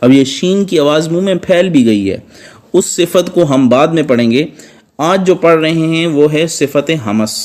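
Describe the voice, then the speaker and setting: A man with a somewhat high voice teaches a recitation class. He works step by step and repeats each sound carefully so students can imitate it. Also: expressive, a little mellow. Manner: patient, repeats sounds slowly to model pronunciation. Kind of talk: step-by-step tajweed lesson.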